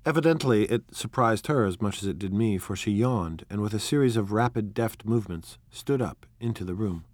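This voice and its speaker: A male audiobook narrator with a lowish voice reads a novel in a measured, even storytelling manner. The scripted narration is studio quality, with no room sound.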